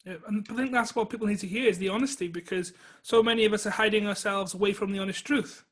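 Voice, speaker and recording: A male podcast host speaks quickly in an easygoing, agreeable manner. His voice is fairly high for a man. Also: steady tone, a bit bright. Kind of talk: casual interview talk.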